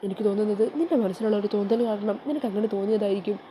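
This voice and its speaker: Devout mother, as a woman reads her, advising, pious, quick mellow voice. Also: mid-range voice, a little hiss or hum, natural voice.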